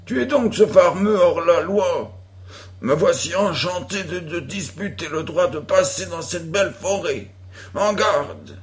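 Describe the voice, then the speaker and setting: An earnest, stubborn young boy playing the villain in a pretend duel, as a male reader acts him out. The voice sits higher than a man's usual talk. It is a storybook reading, unhurried. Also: big pitch swings, full character voice. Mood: declaiming.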